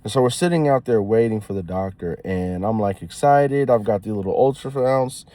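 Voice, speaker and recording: Young man, low voice, slangy casual storytelling, dry close sound. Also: brisk, dry recording. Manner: slangy and animated, swinging from giddy to hushed and somber. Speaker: new dad telling a story.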